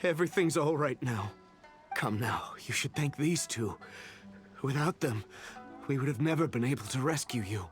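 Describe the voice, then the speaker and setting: A man's voice: mid-range voice, animated, moderate pace, soft background music, close to an everyday voice. An actor playing a timid, polite father in a video game, speaking in an earnest, courteous way. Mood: relieved, grateful. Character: timid, anxious, polite father, adult man. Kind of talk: English video game voice acting.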